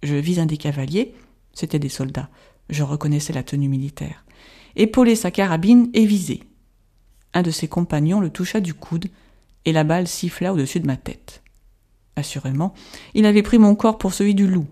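An audiobook narrator reading a classic tale in a steady, measured way, lifting the pitch at tense moments.

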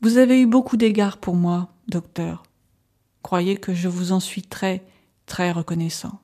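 A woman's voice: mid-range voice, moderate pace, dark tone, close to an everyday voice. A woman reading aloud, voicing a volatile male asylum inmate who swings between scorn and pleading. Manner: erratic, flaring into outbursts then pleading. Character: agitated middle-aged male asylum patient.

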